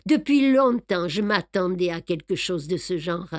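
A woman's voice: fairly low pitch, a little slow, no echo, clean studio sound. A woman reading aloud and voicing a fussy, self-satisfied older male detective who boasts of his clever plans. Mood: boastful. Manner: boastful, explaining, lively emphasis. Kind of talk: audiobook reading.

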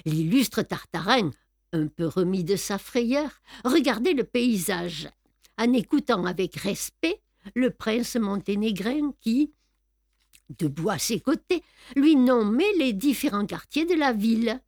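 Slow, expressive woman audiobook narrator. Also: on the high side, no echo, clean studio sound. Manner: measured, expressive storytelling.

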